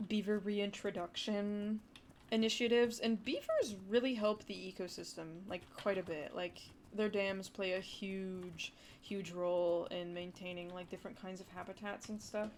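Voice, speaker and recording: A woman's voice: medium pitch, fairly even intonation, moderate pace, a little hiss or hum. Young woman, Wisconsin accent, casual livestream chatter, rambling, addresses chat, faint keyboard typing behind. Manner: rambling, talks to chat with lots of "like" and "dude".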